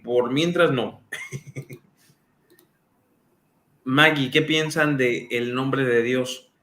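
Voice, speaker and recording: A man's voice: mid-range voice, a bit bright. Man, live-stream host, mid-range voice, casual and filler-heavy, roomy echo. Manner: conversational, reads out comments, lots of fillers. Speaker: live-stream host answering viewer questions.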